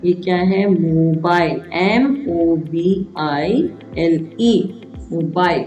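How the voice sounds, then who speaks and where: Woman teacher spelling words out slowly. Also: lowish voice, fairly even intonation, a little mellow. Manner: spells words out letter by letter, asks and answers own questions. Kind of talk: English grammar lesson for young children. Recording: echoey room, voice from a distance, faint music.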